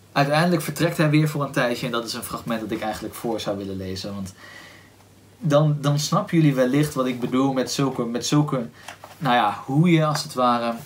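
A man's voice: medium pitch, slight background noise. Dutch man musing about a novel. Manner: thoughtful, searching for words with frequent "ehm" and restarts. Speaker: book podcast host. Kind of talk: casual book discussion with read-aloud passage.

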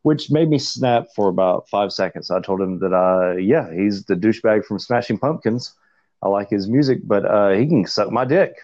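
A man's voice: lowish voice, expressive, normal speed, a little mellow. A man co-hosting a casual podcast, laid-back and blunt, telling a crude anecdote. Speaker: podcast co-host. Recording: dull lo-fi sound.

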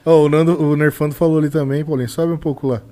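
Fast-talking joking Brazilian co-host. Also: male voice, fairly high pitch, little pitch movement, dark tone, a little hiss or hum. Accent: Brazilian Portuguese. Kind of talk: casual podcast chat.

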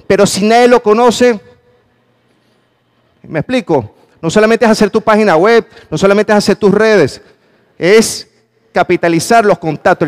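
Male motivational speaker with a fairly high voice, pitching questions to a live audience and hammering his points home. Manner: emphatic, calls for audience response. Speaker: conference speaker. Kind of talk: motivational talk. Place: conference hall with a live audience.

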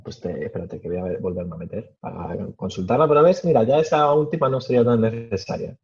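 A man answering interview questions casually, with many fillers and pauses. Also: fairly low pitch, vocal fry, a little mellow, breathy edge, dull audio. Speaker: podcast guest.

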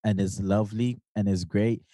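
A man's voice: on the low side, normal speed, no echo. Young ny guy cohosting a podcast, jokey and teasing, dry close mic. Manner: animated, jokey, teasing, slangy. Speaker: podcast co-host. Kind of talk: casual chat.

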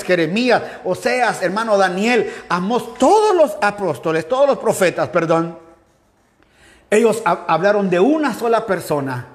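A man pastor with an Ecuadorian accent, preaching a fervent sermon and calling his listeners "brother" again and again. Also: sits high. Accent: Ecuadorian Spanish. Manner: fervent, repeatedly addressing listeners as "hermano". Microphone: livestream mic.

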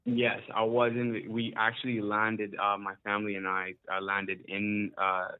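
A man from Uganda, a musician, talks through an interview in a loose, halting way, full of ums and quick laughs. His voice sits a little low, and it comes through a thin, phone-like line that cuts away the lows and highs. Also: monotone, clean tone. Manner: hesitant, many ums, laughs often. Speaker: musician guest. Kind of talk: casual interview.

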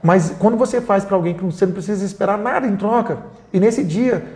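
A Brazilian man who founded a charity for homeless people tells stories earnestly in an interview, acting out scenes with quoted dialogue. His voice is high, quick-paced, and mellow, with a roomy echo around it.

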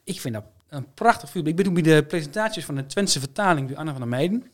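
A man with a fairly high voice talks in a relaxed conversational style. He has a broad eastern Dutch regional accent. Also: quick pace. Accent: eastern Dutch regional (Low Saxon). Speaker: teacher. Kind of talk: casual conversation in dialect.

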